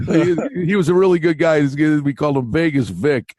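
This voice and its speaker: A man's voice: fairly high pitch, fairly quick, a little mellow, no echo. A man co-hosting a golf betting show, telling a story in casual chat, stammering and restarting, acting out the people he quotes.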